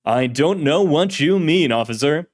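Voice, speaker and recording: A narrator acts out a shadowy male crime-fighter in old radio serial manner. He declaims in a deep, booming voice, pompous and righteous, with grand theatrical emphasis on his noble cause. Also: expressive, unhurried. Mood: grandiose. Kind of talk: 1930s radio serial acting.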